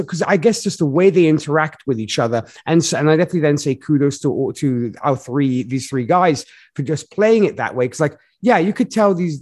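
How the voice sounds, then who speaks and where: A man co-hosting a casual movie review podcast, talking in a rambling, animated way with many fillers and laughs. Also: on the high side. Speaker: podcast co-host.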